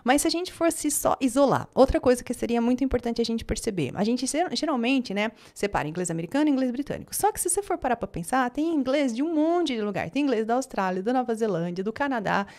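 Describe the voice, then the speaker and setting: Mulher falando rápido, tom agudo. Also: female voice, a little high, animated, quick pace, hardly any pauses, a little mellow. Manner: chatty, many fillers and self-corrections. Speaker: English teacher. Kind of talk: casual online lesson.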